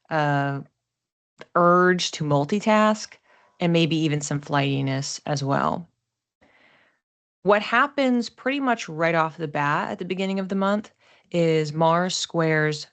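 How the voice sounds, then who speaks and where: Hosting an astrological forecast, a woman with a low voice explains things in a relaxed, conversational way. Along the way she acts out imagined reactions, quoting what people might be thinking.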